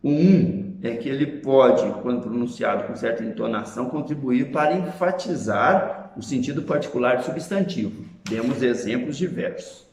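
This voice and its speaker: A man's voice: mid-range voice, normal speed, few pauses, darkish tone. Brazilian man teaching grammar, echoey room. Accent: Brazilian Portuguese. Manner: explanatory, with frequent tag questions. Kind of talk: classroom grammar lesson.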